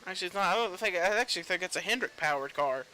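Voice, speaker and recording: Young man, race commentator, high bright voice, casual play-by-play, faint background hiss. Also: very fast, low-quality recording. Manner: casual, rambling, excited on race finishes. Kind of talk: play-by-play sim racing commentary.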